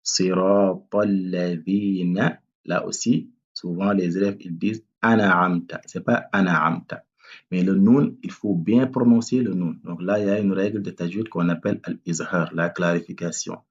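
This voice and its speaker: A man teaching tajwid, patiently breaking down each word and repeating it slowly to correct common student mistakes. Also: sits low, breathy edge, muffled recording. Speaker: Quran recitation teacher. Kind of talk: tajwid lesson with demonstrated recitation.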